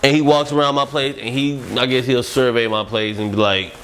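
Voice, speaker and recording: A man tells a rambling comic story to a friend, jumping in and out of quoted voices as he goes. His pitch sits in the middle of the male range. A faint hiss runs under the recording. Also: brisk. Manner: animated, acts out quoted voices. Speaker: comedy podcast host.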